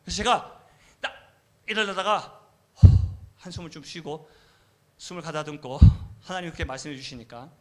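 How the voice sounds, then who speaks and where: A man's voice: a little high, lively intonation, normal speed, pauses often, sharp tone, slight background noise. Korean man preaching in a story-telling sermon. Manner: conversational, frequent affirming fillers, acts out quoted voices. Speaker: missionary preacher. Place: church sanctuary.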